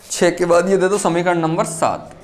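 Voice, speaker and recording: Fast-talking man dictating a chemistry lecture. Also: high voice, little pitch movement. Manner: repeats key phrases while dictating slowly; talks fast between dictation. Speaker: chemistry teacher. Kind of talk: blackboard lecture.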